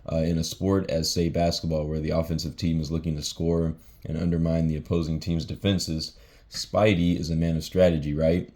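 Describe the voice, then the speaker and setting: A man's voice: very deep voice, warm tone. A young man casually explaining his own rap lyrics, laid-back and full of fillers like um and you know.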